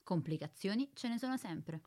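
A woman voicing a calm, precise spaceship computer in a radio drama, speaking in a flat, formal, bureaucratic way. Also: medium pitch, normal speed, close to an everyday voice.

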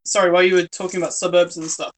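A woman's voice: lowish voice, flat delivery, rapid-fire, rough recording. A young British woman chatting casually over a voice call, rambling with lots of fillers. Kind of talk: casual chat.

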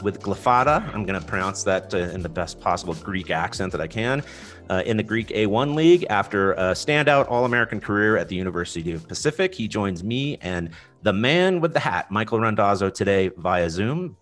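A man's voice: on the low side, sing-song, a little fast, soft background music. A man hosting a sports interview, introducing his guest with energy and enthusiasm. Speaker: interview host.

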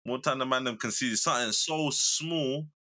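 A man's voice: medium pitch, moderate pace, sharp tone. A young man with a London accent, bantering on a casual podcast in a slangy, emphatic way. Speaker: podcast co-host.

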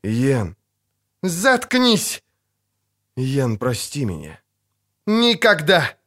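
A man reading an audiobook, voicing a proud, sharp-tongued sorceress in a high, strained, snapping voice. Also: lively intonation, a little slow, natural voice.

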